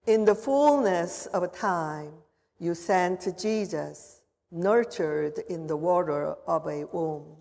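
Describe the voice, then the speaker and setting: A woman pastor leading a confirmation service in a formal, measured liturgical manner, her voice carrying a long cathedral-like echo. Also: on the low side, vocal fry, dark tone. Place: church sanctuary. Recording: voice in a reverberant church.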